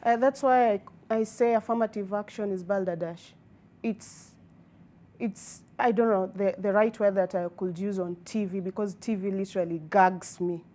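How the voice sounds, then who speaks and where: A woman's voice: medium pitch, steady tone, moderate pace, warm tone. A woman with a Kenyan accent arguing her opinion as a TV debate panelist, emphatic and wordy, with formal vocabulary. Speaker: debate panelist on a TV talk show.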